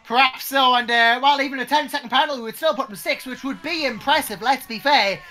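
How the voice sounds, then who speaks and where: A man's voice: very high voice, fairly quick, pushed and bright, faint music behind. A man giving conversational live race commentary as a co-commentator, chatty and emphatic, repeating his points. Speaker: motor racing co-commentator.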